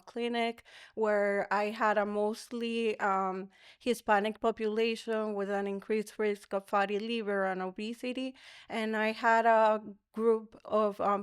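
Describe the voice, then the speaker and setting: Dominican woman, podcast doctor guest, careful explainer, um a lot, crisp voice. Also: mid-range voice. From Dominican Republic. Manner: careful explanatory, frequent um fillers. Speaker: pediatric obesity physician guest. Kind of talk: podcast interview.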